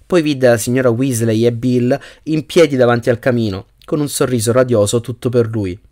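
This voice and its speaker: A man narrating an audiobook in a steady reading voice, with the occasional slip that he corrects himself. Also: medium pitch, moderate pace. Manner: reads steadily with small slips and self-corrections. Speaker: audiobook reader.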